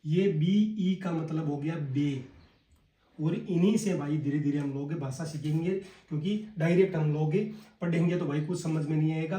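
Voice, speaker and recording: A man with a Hindi accent teaching a casual spoken lesson, drilling words slowly one by one and calling his viewers brother. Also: a little high, mellow. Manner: slow and repetitive, drilling words one by one, addresses viewers as "bhai". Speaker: language teacher. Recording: echoey room, voice a bit far from the mic.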